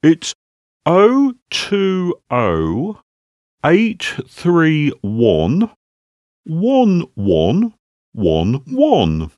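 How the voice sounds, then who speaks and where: A woman acting a person giving her phone number in a scripted course dialogue, reciting digits slowly. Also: low voice, huge pitch swings, darkish tone, no room sound, highs cut off, exaggerated voice. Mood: calm.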